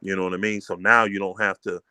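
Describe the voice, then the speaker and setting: A man's voice: sits low, flat delivery, fast, bright, forceful tone, smooth, dry recording. A middle-aged man from Indiana who leads a community and its homeschool, explaining his ways in an emphatic, preacherly manner. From Fort Wayne, Indiana, US. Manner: emphatic, preacherly, repeats "you know what I mean". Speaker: community elder, homeschool leader. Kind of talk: casual call-in chat.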